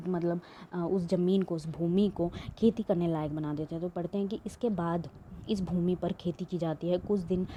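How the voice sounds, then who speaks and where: Low, flat-voiced woman teaching. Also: lo-fi sound, slight background noise. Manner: explains in a talky way with many fillers and restarts. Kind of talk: exam-prep lesson reading questions aloud.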